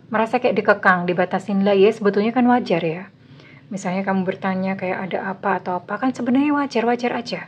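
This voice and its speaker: A woman giving a casual tarot reading to her viewers, talking in a chatty, teasing way with loose everyday slang. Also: mid-range voice. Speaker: tarot reader. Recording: slightly dull lo-fi sound.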